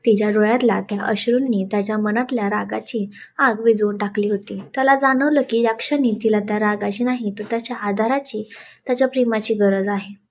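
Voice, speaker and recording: A woman's voice: medium pitch, steady tone, fairly quick, a little hiss or hum. Emotive woman narrating a love story. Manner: emotive, dramatic. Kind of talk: dramatic audio story narration.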